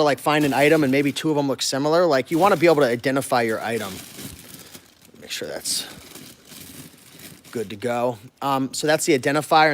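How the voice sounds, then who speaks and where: An American man talking informally and directly to viewers in a casual walk-through vlog, as a business owner showing his workplace. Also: a little high. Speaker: online reseller and business owner hosting a warehouse tour.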